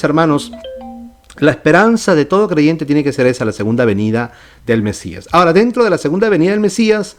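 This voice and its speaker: A male pastor giving a Bible study sermon, explaining step by step, often checking in with his listeners and correcting himself mid-phrase. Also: fairly high pitch. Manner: explanatory, with frequent "¿ok?" and "¿verdad?" check-ins.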